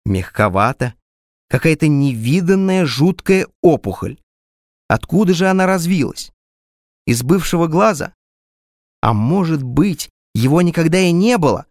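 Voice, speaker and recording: A man narrates a literary story in a measured, wry first-person manner. His voice sits somewhat higher than most men's. The close recording is completely dry. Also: animated, a little mellow, dry recording. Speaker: audiobook narrator.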